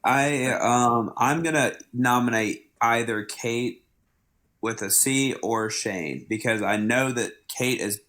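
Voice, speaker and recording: A man's voice: medium pitch, slow, fairly bright tone. A man casually explaining his reasoning as a player in a social deduction game.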